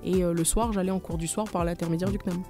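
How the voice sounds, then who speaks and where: A woman's voice: on the low side, steady tone, quick pace, mellow, faint music behind. A woman, a company manager explaining her path earnestly in a radio studio interview. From New Caledonia. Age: 20s.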